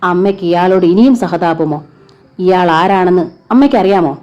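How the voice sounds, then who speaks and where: A woman's voice: lowish voice, normal speed, lo-fi sound, natural voice. A woman doing a furious vengeful young man. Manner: shouting, accusing.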